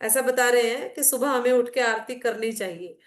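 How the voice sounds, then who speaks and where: Her voice fairly high and her pace normal, a middle-aged woman leads a devotional class in a reverberant space. She talks casually in Hindi laced with English, weaving in anecdotes and side remarks as she explains.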